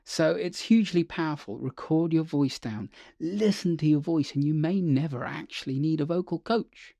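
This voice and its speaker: A man's voice: on the high side, normal speed, gravelly, warm tone, no echo. A man teaching a singing lesson as a vocal coach, upbeat and chatty, checking in with the listener often.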